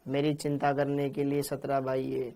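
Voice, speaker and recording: A man's voice: mid-range voice, monotone, normal speed, creaky, mellow. A man teaching chemistry in a live online class. He talks in a playful, teasing way, calls students by name and mixes English words and lines of verse into his explanations.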